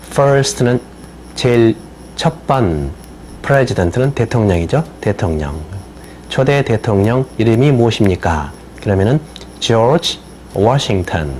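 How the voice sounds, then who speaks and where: An older man, an attorney and native Korean speaker, giving a slow explanatory lecture on citizenship English and spelling words out letter by letter. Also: medium pitch, darkish tone, slight background noise. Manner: spells words letter by letter, repeats phrases slowly.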